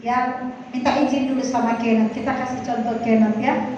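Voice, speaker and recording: A woman's voice: a little high, level tone, brisk, a little mellow, slight background noise. A middle-aged woman pastor preaching a sermon, telling personal stories in a chatty way and acting out the voices in them. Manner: chatty storytelling, acts out voices in quotes. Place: church hall. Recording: echoey hall from far off, dull sound.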